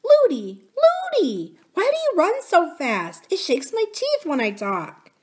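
A woman voicing a little princess, curious and excitable, who chatters eagerly and breathlessly in a storybook reading. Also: high voice, a little slow, pitched above the performer's own voice, heavily acted. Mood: chattering, breathless.

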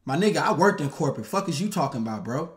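A man's voice: fairly high pitch, lively intonation, quick pace. A man hosting a casual livestream and reading viewer messages, talking in blunt, profane street slang. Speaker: channel host.

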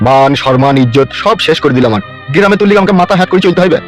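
A man voicing a gruff, blunt village father who scolds his son in a comedy cartoon. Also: on the high side, animated, very fast, faint music behind, lightly acted. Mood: scolding.

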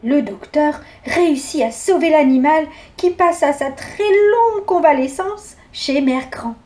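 A woman reads a children's story aloud with lively expression and a high voice. Her telling is animated and warm toward young listeners. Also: a little slow.

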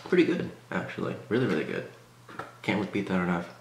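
Young male food vlogger, low voice, casual delivery with a spice-burned mouth, echoey room with loud hum. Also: big pitch swings, quick pace, vocal fry. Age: young adult. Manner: mouth burning from spicy food, sniffly. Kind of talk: casual eating commentary to camera. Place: small bare indoor room. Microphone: camera mic at about arm's length. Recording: roomy echo, loud air-conditioning hum.

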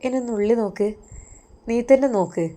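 A woman's voice: fairly high pitch, moderate pace, dark tone, natural voice. A woman voicing an affectionate young husband, a religious teacher, who talks tenderly and teases, with a Malabar Malayalam accent. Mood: tender teasing. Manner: tender and teasing.

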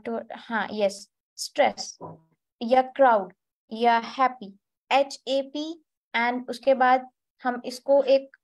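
A woman teaching an online English class, explaining grammar step by step and spelling out letters. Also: on the high side.

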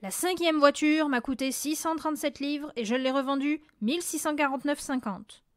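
A woman voicing a loud blustering boastful father. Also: high-pitched, moderate pace, dry recording, studio quality, natural voice. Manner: bragging, then barking and shouting. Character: boastful blustering middle-aged father, quick-tempered.

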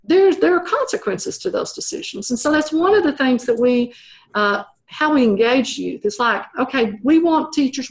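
A middle-aged woman talking through an interview in a thoughtful way, with many fillers and restarts. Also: medium pitch. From United States. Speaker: program evaluation professor, interview guest. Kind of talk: conversational interview.

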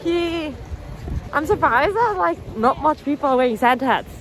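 A woman's voice: high-pitched, expressive, moderate pace, poor audio. A woman chatting casually in a travel vlog on the ski slopes, gushing and upbeat. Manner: bubbly, gushing. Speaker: travel vlogger. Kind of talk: casual chat.

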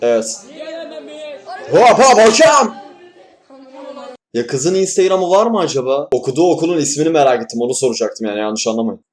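A young man from Turkey hosting a reaction video, joking, swearing and tossing quick asides. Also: medium pitch, background noise. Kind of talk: casual reaction commentary.

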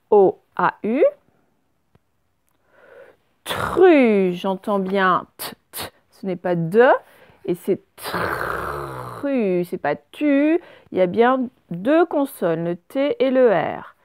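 Woman, primary teacher, slow and patient, letter-by-letter spelling, dry close recording. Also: medium pitch, lively intonation, a little mellow, no echo. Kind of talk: recorded remote spelling lesson.

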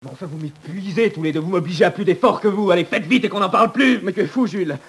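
A young male prisoner in an old radio drama, with a gravelly, husky, somewhat high voice. He sneers and accuses his cellmate, and his taunts often rise to shouting. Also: fast. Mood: mocking. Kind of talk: 1940s radio drama acting.

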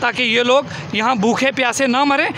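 A young man speaking for the protesters gives a reporter an impassioned, pleading speech, repeating points for emphasis. His very high-pitched voice is sharp, fairly even in intonation and moderately paced. Crowd noise and passing traffic fill the outdoor tent by the busy road.

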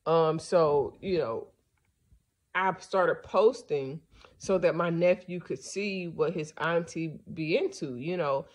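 A woman's voice: fairly low pitch, takes it slowly, a little mellow. A woman podcast host giving a casual, rambling monologue, blunt and profane, sleepy and yawning.

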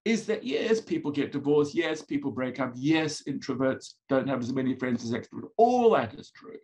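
A man's voice: mid-range voice, sing-song, moderate pace, darkish tone. A man with a colonial accent from an upbringing in Africa, lecturing conversationally as a psychologist, asking rhetorical questions and driving points home in short, repeated phrases. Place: indoors, video call presentation with slides.

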